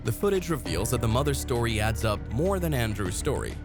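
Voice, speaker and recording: A man's voice: medium pitch, very animated, fairly quick. Guy doing grave true crime voiceover, mid voice, music under it. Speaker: narrator. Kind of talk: scripted true-crime narration. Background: background music.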